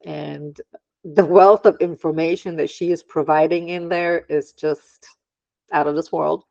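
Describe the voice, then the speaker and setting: A woman's voice: deep voice, fairly even intonation, a little slow, creaky, darkish tone, no room sound, muffled recording. A woman from Germany, an aromatherapist talking as a podcast guest, hesitant with many ums and frequent laughs. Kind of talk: casual interview chat.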